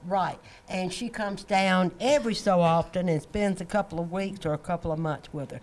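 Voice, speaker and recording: A woman's voice: fairly low pitch, a little mellow. Chatty older woman emceeing a party. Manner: friendly, chatty, quick asides. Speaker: senior center director. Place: large community room indoors. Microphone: handheld mic.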